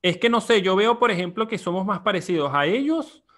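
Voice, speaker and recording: A man's voice: high-pitched, expressive, brisk, fairly bright tone. A young Venezuelan man hosting a casual podcast chat, reflective and explaining at length with plenty of fillers. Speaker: podcast host.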